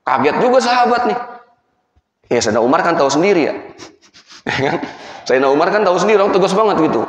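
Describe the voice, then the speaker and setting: A male preacher delivers a lively sermon, acting out the dialogue and turning to his listeners with questions. His voice sits a little high for a man. It rings through a large, echoing hall with a long reverb, and the recording sounds slightly dull. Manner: storytelling with acted dialogue and asides to the audience. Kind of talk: lively religious lecture. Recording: echoey hall, muffled sound.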